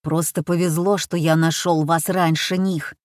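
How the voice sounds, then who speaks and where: A woman voicing Van, a tense, commanding man, with a low, hushed, urgent voice in an audiobook. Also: little pitch movement, measured pace, no room sound, clean studio sound. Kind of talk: audiobook character voice.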